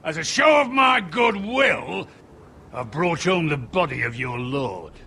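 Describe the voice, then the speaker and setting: An actor playing a brutal, gloating lord in a dramatic video game, menacing and taunting. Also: male voice, fairly high pitch, very animated, a little slow, sharp tone, a little hiss or hum, exaggerated voice. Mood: gloating menace.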